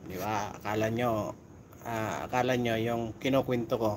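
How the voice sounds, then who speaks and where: A middle-aged man chatting casually on a live stream while on night volunteer duty outdoors, giving viewers shout-outs. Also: on the low side, moderate pace, background noise.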